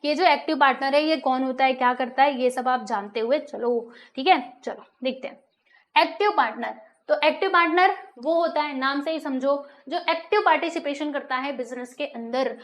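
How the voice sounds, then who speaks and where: A woman teacher giving a classroom lecture. She keeps checking in with her pupils and slows down to read textbook lines aloud. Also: sits high. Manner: asks pupils frequent rhetorical checks. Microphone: recorded for an online lecture video.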